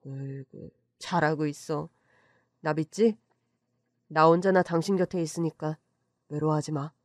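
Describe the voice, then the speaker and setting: A man voicing a gentle late husband. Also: a little high, fairly even intonation, unhurried, no room sound, studio quality, close to an everyday voice. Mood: tender. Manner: tender, soothing. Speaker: voice actor in a narrated story.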